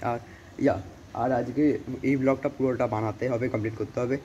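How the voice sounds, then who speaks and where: A teenage boy from India with a cold-roughened voice, vlogging casually into a phone at home, rambling with lots of fillers and English words. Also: medium pitch, fairly even intonation, brisk, mellow, muffled recording, a little hiss or hum. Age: teens. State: hoarse from a cold. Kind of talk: casual vlog chat. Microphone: phone camera.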